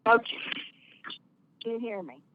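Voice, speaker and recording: A woman's voice: on the high side, background noise. Woman speaking over a tinny phone line. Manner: measured, with frequent uh fillers. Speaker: caller at a community meeting. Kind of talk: public comment. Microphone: phone call-in.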